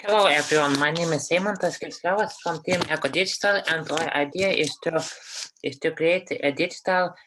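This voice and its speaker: Halting man. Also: on the high side, background noise. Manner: halting, restarts words. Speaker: startup team member.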